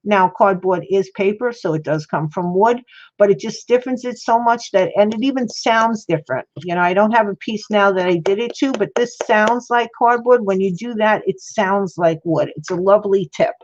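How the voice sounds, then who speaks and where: A woman's voice: mid-range voice, normal speed. Toothless-sounding woman rambling over crafts, dull sound. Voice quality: toothless, slightly mushy articulation. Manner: rambling, thinking aloud. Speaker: craft livestream host. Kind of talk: casual chat while demonstrating crafts. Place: indoor craft worktable.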